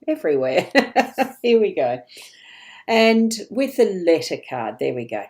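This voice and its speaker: A woman's voice: sits low, warm tone. A woman psychic hosting a live card reading, chatty and rambling, laughing often between remarks. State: hiccups.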